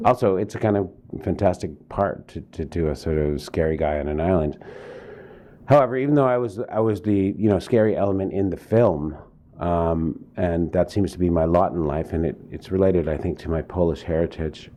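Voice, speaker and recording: Deep mellow-voiced man, rambling interview talk. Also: normal speed. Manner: rambling, many fillers and restarts. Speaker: actor guest. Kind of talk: casual interview chat.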